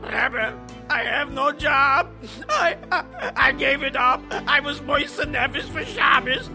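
Guy playing high gravelly-voiced mill worker, worried and pleading, slow, music behind. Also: animated, heavily acted. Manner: fretful, exclaiming, pleading. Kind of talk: audio drama acting.

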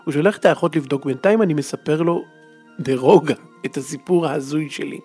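A man's voice: fairly high pitch, a little mellow, breathy edge, soft background music. A man telling a comic first-person story in a dramatic way that builds tension.

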